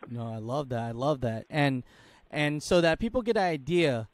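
A man's voice: mid-range voice, normal speed, no room sound. A man in his thirties hosting an interview, talking with encouraging enthusiasm into a studio mic. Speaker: host. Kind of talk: casual interview talk. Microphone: studio mic with headphones.

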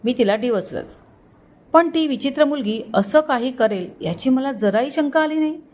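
A woman storyteller reading a romantic story aloud in a steady, expressive way. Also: high voice, normal speed. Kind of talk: scripted story narration.

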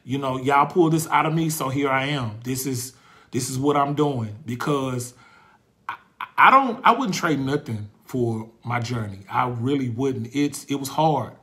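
A man in his forties hosts a faith talk, preaching with passion and repeating phrases for emphasis. When he turns reflective, he pauses to search for words. His voice sits mid-range with a fairly bright tone.

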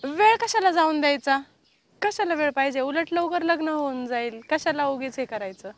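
A woman's voice: sits high, animated, normal speed. A woman playing a young woman in love who insists on marrying soon. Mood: eager. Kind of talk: comedy sketch acting.

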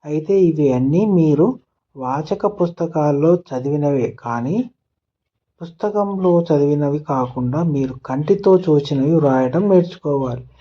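A man's voice: a little high, a little slow. Man telling a children's story, lo-fi. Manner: gentle storybook telling, voicing characters' lines in turn.

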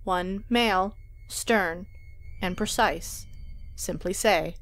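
A woman telling a tabletop game story as scripted narration, dramatic and expressive, on a close mic. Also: lowish voice, slow pace, soft background music.

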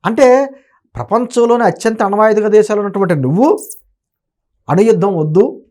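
His high, warm-toned voice moves at a moderate pace while he gives opinionated political commentary as a guest in an interview. The man is emphatic and combative, frequently asking rhetorical questions.

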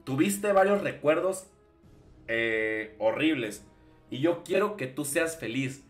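A man's voice: medium pitch, lively intonation, slow pace. Emotional Mexican man reacting live. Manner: emotional, repeats exclamations and swears often. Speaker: streamer reacting to a manga. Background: faint background music.

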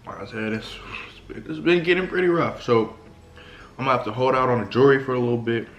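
A man's voice: mid-range voice, fast, echoey room, highs cut off, a little hiss or hum. A man in his twenties chatting casually in slang to viewers, rambling and talking while chewing food. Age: 20s. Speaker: vlogger eating on camera. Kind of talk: casual mukbang chat. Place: large living room indoors. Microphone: camera a short distance away.

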